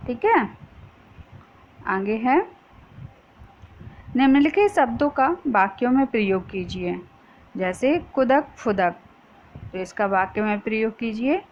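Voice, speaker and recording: A woman's voice: on the high side, expressive, slow, pauses often. A woman teacher explaining a school lesson to young pupils, patient, often asking a question and then answering it herself. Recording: dull lo-fi sound with faint noise.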